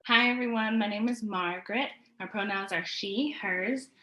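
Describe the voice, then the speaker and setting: Bright-voiced woman in a roomy, lo-fi recording. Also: medium pitch, moderate pace. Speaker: program participant. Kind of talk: personal introduction.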